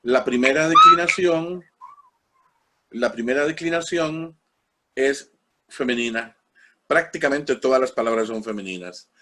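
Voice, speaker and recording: A man's voice: mid-range voice, huge pitch swings, unhurried, pauses often, bright, forceful tone, slight background noise. Costa Rican man teaching patiently. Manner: patient explaining, spells out words, frequent fillers. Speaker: parish formation teacher. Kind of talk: informal lecture.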